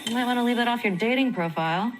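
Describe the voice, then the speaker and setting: An actress playing a wry, brisk woman surgeon. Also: a little high, faint music behind, lightly acted, poor audio. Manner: brisk, dry humor. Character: wry, confident female trauma surgeon. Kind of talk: TV drama acting.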